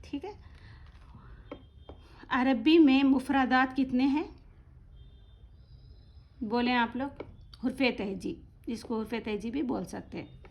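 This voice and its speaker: A woman teaching Quran reading, slowly drawing out each letter name and then explaining softly and quickly in between. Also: on the high side, vocal fry. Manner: slow, drawn-out letter names, then quick soft explanations. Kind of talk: online lesson, letter-by-letter drilling. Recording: dull lo-fi audio.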